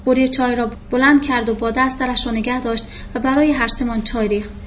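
A woman narrating a novel in a steady, even storytelling manner. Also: a little high, muffled recording, slight background noise. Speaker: audiobook narrator.

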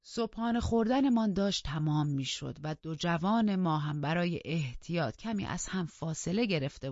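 An audiobook narrator reading a novel aloud in a measured, storytelling manner. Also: medium pitch, dry recording. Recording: dull lo-fi dry recording.

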